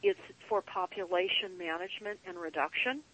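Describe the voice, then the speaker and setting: A woman guest on a call-in show, speaking in an earnest, deliberate, emphatic way, like a paranoid late-night rant with drawn-out phrases. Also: fairly low pitch, a bit bright, husky, poor audio. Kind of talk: earnest conspiracy monologue.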